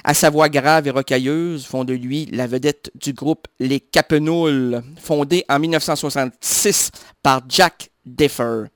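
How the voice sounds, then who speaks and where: A man's voice: mid-range voice, steady tone, unhurried, no echo, studio quality. A man hosting a radio show in a playful, joking, chatty way. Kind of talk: casual radio chat.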